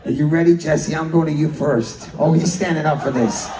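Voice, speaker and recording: A Scottish man, a cruise director, hosting a couples' game show for a live audience, teasing contestants, laughing and shouting punchlines. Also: on the high side, moderate pace. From Scotland. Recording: echoey hall, distant mic, crowd noise.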